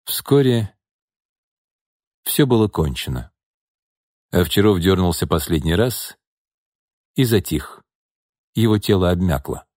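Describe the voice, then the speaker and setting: A man reading a thriller audiobook in a steady, even scripted narration. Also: deep voice, slow, pauses often, dry recording, studio quality.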